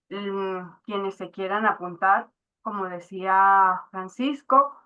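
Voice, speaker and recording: A woman moderating an online panel, thanking the speaker with hesitant, drawn-out phrasing. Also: mid-range voice. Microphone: video call. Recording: dull lo-fi video call audio.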